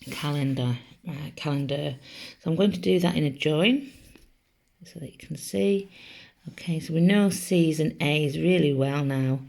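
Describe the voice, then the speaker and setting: A woman's voice: sits low, measured pace, gravelly, darkish tone. A woman teaching a spelling lesson to children, patiently sounding out each letter. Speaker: primary school teacher.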